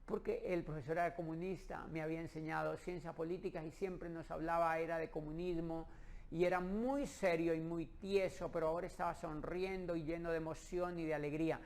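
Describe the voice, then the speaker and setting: A middle-aged man from Colombia tells a personal story with lively energy and acts out the quoted dialogue. His voice is gravelly and sits a little high for a man. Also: brisk. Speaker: speaker telling his own business story.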